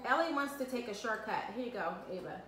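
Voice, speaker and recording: In an echoey kitchen with faint background noise, a woman in her thirties leads an upbeat cooking demo with her kids, walking them through each step. She talks fast and expressively in a fairly high, fairly bright voice, recorded on a camera mic from a few feet away.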